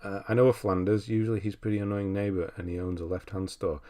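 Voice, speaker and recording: A man with a lowish, mellow voice talks quickly and keeps his intonation fairly even while hosting a casual livestream. He reads out viewer messages and comments on game lists, rambling and thinking aloud, often trailing off into asides.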